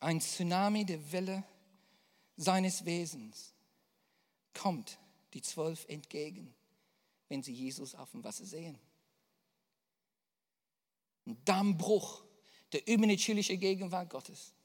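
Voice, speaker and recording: A woman's voice: fairly low pitch, unhurried, long pauses, darkish tone. A woman preaching a sermon, emphatic and building into impassioned prayer, putting questions to her listeners. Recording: long hall reverb.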